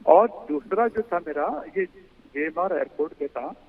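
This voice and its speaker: Male caller, phone line breaking up, tinny and cutting out, halting, repeats himself. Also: sits high, lively intonation, gravelly. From Mumbai. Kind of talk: phone-in question.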